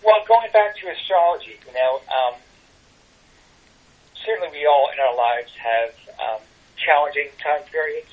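An older man chats casually as a guest, pausing often with ums and starting his sentences over. His voice is husky with a breathy edge. It comes through a muffled, dull phone connection. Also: on the high side. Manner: hesitant, many ums and restarts. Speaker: tarot reader guest. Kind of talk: casual interview chat.

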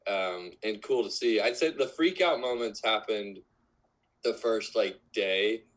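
A man's voice: fairly low pitch, unhurried, low-quality recording. A man of twenty-one, a musician guest in a casual podcast interview, talking in a rambling way full of fillers.

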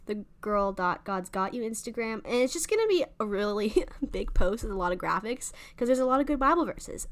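A young woman hosting a faith podcast, talking in a fast, excited, gushing way. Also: on the high side. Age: young adult. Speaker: podcast host. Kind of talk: casual faith podcast monologue.

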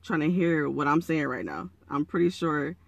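Male podcaster, raspy and hoarse, crackly fry, slightly high pitch, earnest, encouraging, casual monologue. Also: very animated, moderate pace, no echo. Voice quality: raspy, froggy morning voice. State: hoarse from early morning. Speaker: podcast host.

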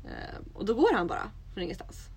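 A woman's voice: mid-range voice, breathy edge. Young woman telling a story animatedly. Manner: animated storytelling, acts out quotes. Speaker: podcast co-host. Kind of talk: casual chat.

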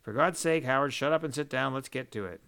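A man doing a loud, blunt, impatient farmer. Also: mid-range voice, quick pace, natural voice.

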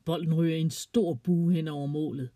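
A storyteller reading a children's story aloud in a plain, even way. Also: mid-range voice, no echo.

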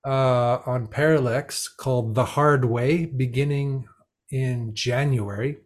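A man hosting a podcast, introducing his guest in an informal, halting and teasing way. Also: medium pitch, steady tone. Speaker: podcast host. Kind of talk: casual interview introduction.

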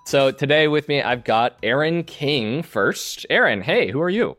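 A man's voice: on the high side, expressive, measured pace, fairly bright tone, no room sound, faint music behind. Informal male podcast host, dry sound. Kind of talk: casual hosting chat.

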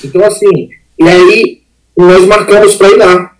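A man, a pastor giving an emotional personal testimony as a podcast guest, earnest and halting, often repeating words. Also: high voice, steady tone, rough recording.

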